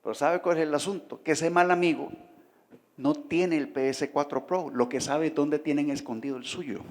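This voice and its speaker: A man's voice: a little high, steady tone, normal speed, darkish tone. A man preaching a sermon, talking conversationally and often asking the congregation questions. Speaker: pastor. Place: church hall. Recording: reverberant hall with faint music behind.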